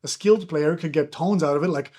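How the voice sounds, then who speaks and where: Upbeat man teaching on video, slightly high. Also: a little fast, very noisy. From born in Ireland, raised in Belgium. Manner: enthusiastic, explains while demonstrating a hand drum. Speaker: electronic music teacher. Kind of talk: casual video lesson. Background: hand drum hits.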